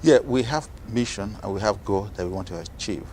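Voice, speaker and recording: A man from Nigeria speaking as a guest on a TV interview, measured and with frequent fillers. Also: fairly low pitch, animated, a little mellow, a little hiss or hum. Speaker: guest, organization president.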